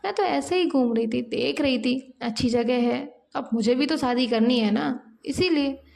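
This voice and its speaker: Cheeky, carefree young office woman, breezy and teasing, voiced by a woman in a high, slightly gravelly tone. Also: unhurried, a little mellow.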